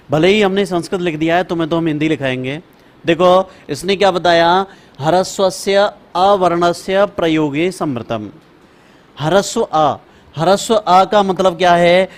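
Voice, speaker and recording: Man, teacher, high voice, unhurried, repeats each term, explains patiently. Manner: repeats terms slowly, addresses students as brother. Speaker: Sanskrit teacher. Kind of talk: classroom lecture.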